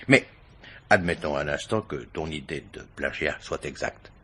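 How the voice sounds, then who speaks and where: In a French radio mystery play, a man acts a seasoned police chief, paternal and probing as he reasons, with hesitant, drawling interjections. His gravelly voice rumbles low, a little slow, sharp in tone, and exaggerated.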